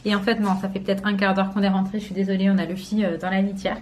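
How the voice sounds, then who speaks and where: A woman in her twenties from France, chatting casually at home about a beauty haul, relaxed and full of hesitations and slang. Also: mid-range voice, racing, slight background noise. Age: 20s. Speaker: family vlogger. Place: home, indoors.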